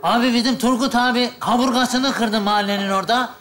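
A man's voice: very high voice, steady tone, brisk, a bit bright. An actor playing a clumsy, greedy young man who chatters cheekily in a sketch comedy. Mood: cheeky. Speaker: friend visiting the hospital.

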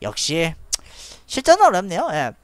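A man's voice: sits high, huge pitch swings, normal speed, no echo. A man streaming a card game live, thinking aloud about his moves and laughing often as he chats with viewers. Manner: chatty, thinks aloud, frequent little laughs. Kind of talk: live gameplay commentary.

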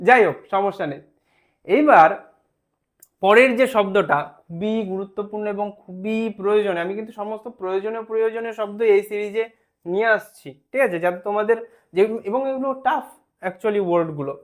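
An English spelling teacher with a mid-range voice and a brisk pace teaches online. She patiently sounds out words one syllable at a time and often makes sure her students are keeping up.

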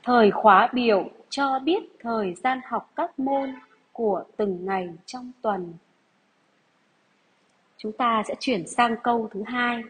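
A woman primary school teacher giving a dictation lesson to young pupils, deliberate and measured, repeating phrases. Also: a little high, husky, low-quality recording.

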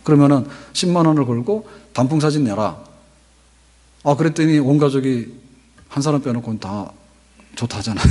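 This pastor, a man in his fifties, has a slightly high, somewhat mellow voice. Standing at the pulpit of a big church sanctuary, he delivers a conversational sermon through a stand-mounted pulpit mic and asks the congregation rhetorical questions. The hall's long reverb carries through the recording.

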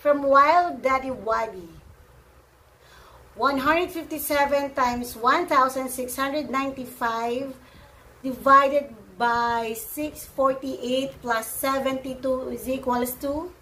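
A woman's voice: high-pitched, takes it slowly, bright, forceful tone. A woman from the Philippines answering viewer questions in a playful, teasing way, laughing often. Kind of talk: casual Q&A vlog.

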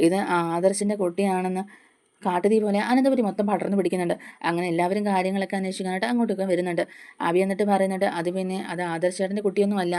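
Rapid, flat-toned woman recapping a serial. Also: mid-range voice. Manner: rambling run-on retelling, reading every character's lines in her own voice. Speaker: channel host retelling a TV serial. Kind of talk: casual spoken recap of a serial's plot.

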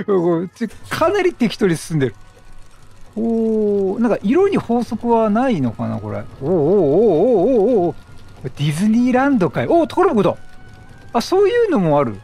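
At normal speed, a gaming YouTuber with a higher voice and husky edge provides chatty let's play commentary with game music in the background. He stays animated and talkative, exclaiming and talking back at the game.

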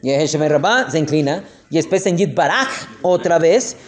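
A man's voice: on the high side, lively intonation. Man teaching prayer customs, checking in. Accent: Colombian Spanish. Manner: explanatory, checks in often with "¿ok?" and "¿listo?"; slows down to spell out prayer words. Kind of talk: classroom lesson on prayer.

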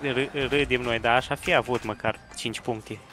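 A man's voice: medium pitch, steady tone, a bit bright, faint music behind. A man watching his friends play a match, teasing them and commenting casually from the side. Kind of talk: casual gaming banter.

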